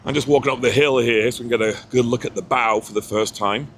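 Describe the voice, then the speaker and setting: A man's voice: medium pitch, fairly even intonation, quick pace, fairly bright tone, slight background noise. A man vlogging outdoors beside a canal lock, chatting loosely and laughing at himself as he walks and films on a handheld camera. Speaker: ship-watching vlogger. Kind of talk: casual on-location commentary.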